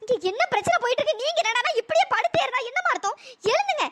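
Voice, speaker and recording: A voice actor playing a suspicious, indignant young woman in a cartoon story, with a pitch-raised processed voice. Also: animated, very fast, fairly bright tone. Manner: indignant, accusing.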